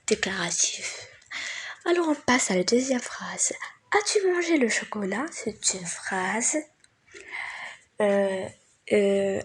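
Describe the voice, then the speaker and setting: A woman's voice: medium pitch, slight background noise. A woman hosting her channel and explaining a grammar lesson, hesitant, with many fillers and restarts, sometimes dropping to a near whisper. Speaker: teacher, channel host.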